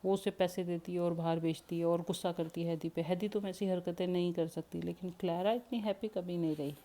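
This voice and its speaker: A woman narrates a children's storybook with lively expression. She slips English words into her telling. Her voice is low and warm, with a mellow tone. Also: fairly quick.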